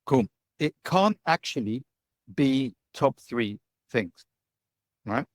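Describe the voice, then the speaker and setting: Recorded in clean studio sound without echo, a middle-aged UK man speaks slowly with lively intonation in a mid-range voice. He's a guest, a digital nomad who owns a business, giving chatty, casual interview answers peppered with "right?" and "you know."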